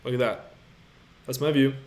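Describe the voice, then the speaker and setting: This Latvian man in his twenties speaks at a moderate pace with a medium-pitched, steady, slightly mellow voice. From an apartment room overlooking the city, he answers viewer questions on a casual livestream, upbeat and motivational as he addresses his audience directly.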